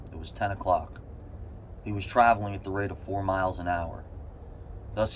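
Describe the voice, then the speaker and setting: A man with a low-pitched voice reads a story aloud. His delivery has strained bursts of emphasis. There is faint, steady noise behind him. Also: rough recording. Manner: strained bursts of emphasis, as if sitting in an ice bath. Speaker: reader of a short story. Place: in an ice bath.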